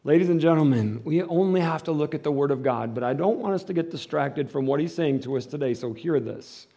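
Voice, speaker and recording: A man preaching a sermon as a pastor, warning of doomsday judgment in an emphatic manner that swings between quiet and loud. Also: a little high, animated, fairly quick, vocal fry.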